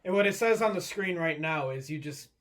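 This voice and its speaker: A man's voice: a little high, animated, a little fast, fairly bright tone, slight background noise. A young man co-hosting a podcast in casual chat, laid-back and often chuckling. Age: young adult. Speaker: podcast co-host.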